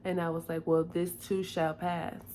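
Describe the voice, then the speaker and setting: A woman talking casually in a personal video diary, soft-spoken and confiding, weary and tearful. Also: on the low side, slight background noise. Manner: slow, soft-spoken and confiding, drifting between calm and weary.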